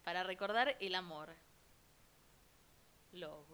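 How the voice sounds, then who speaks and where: Woman, Rioplatense accent, bright voice, relaxed playful host, casual chat. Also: medium pitch, moderate pace. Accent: Rioplatense Spanish. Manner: relaxed, playful, leads the segment.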